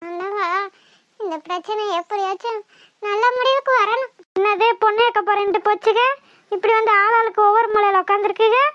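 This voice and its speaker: A woman's voice: very high-pitched, flat delivery, quick pace, fairly bright tone, dry recording. A woman voicing a fretful middle-aged village mother in a cartoon, with a southern Tamil Thoothukudi accent and a wailing, exclamatory way of talking. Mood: lamenting. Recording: muffled lo-fi cartoon dub.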